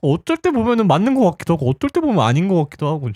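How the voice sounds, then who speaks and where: A man's voice: high-pitched, huge pitch swings, quick pace, darkish tone, no echo, clean studio sound. A young man recapping a TV show episode in a casual, chatty way, laughing often and acting out what people said. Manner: chatty, laughs often, acts out quoted lines. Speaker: TV show reviewer.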